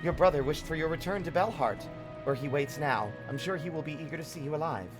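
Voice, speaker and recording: A man's voice: a little high, fast, natural voice. A man voicing a stern, formal young female warrior in a video game. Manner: formal, curt. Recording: game music behind.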